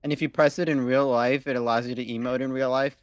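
A man with a mid-pitched, ordinary voice jokes around in a gaming voice chat, full of mock-boastful gags. He speaks casually and loosely. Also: flat delivery, fast, no room sound, studio quality. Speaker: guest streamer in a voice chat.

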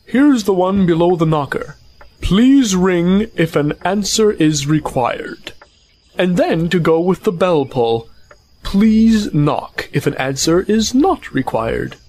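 A man's voice: sits high, animated, takes it slowly, darkish tone, slight background noise. A man voicing a pompous, long-winded old male owl in an amateur family audio drama. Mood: proud. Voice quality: fussy, long-winded, self-important.

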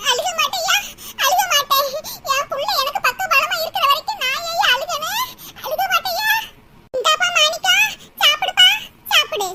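A woman's voice: extremely high pitch, fairly quick. A woman voicing a loving village mother who dotes on her son. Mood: doting. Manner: doting, tearful. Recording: noisy cartoon audio.

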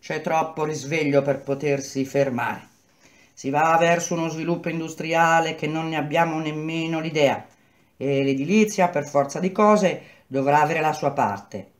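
A woman reading aloud and voicing a middle-aged male contractor who smoothly explains hard news to his workers. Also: low voice, normal speed, lightly acted. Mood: persuasive. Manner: persuasive, explanatory, speaks to workers as a group.

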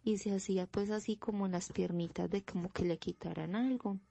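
A woman's voice: medium pitch, steady tone, fairly quick, gravelly, mellow, no room sound. A woman telling a personal paranormal story in a casual way, with many "pues" fillers. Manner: plain storytelling, fills with "pues".

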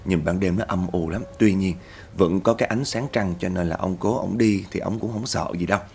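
A man's voice: fairly quick, gravelly, a little mellow, a little hiss or hum. A man, hosting and narrating a spooky story in a chatty way that talks straight to listeners. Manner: chatty, addresses listeners as "các bạn", rises in pitch at tense moments. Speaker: storyteller host. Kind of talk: spoken ghost story narration.

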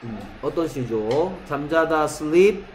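A man teaching an English lesson in a classroom, checking often whether students follow and reading example sentences out slowly. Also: fairly high pitch, lively intonation, slight background noise, rough recording. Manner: keeps checking understanding with short questions.

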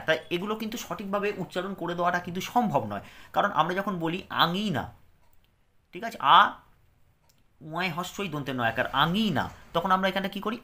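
A man with a bright, forceful voice runs a patient pronunciation lesson. He drills syllable after syllable and keeps asking whether his students are following. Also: fairly high pitch. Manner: patient, drilling syllables with frequent check-ins. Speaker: teacher.

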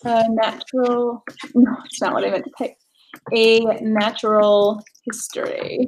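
The recording is rough with slight hiss or hum, picked up by a desk-distance webcam in a living room. A livestream host in her twenties talks in a slightly high, flat, unhurried voice, yet her casual chat is bubbly and packed with fillers.

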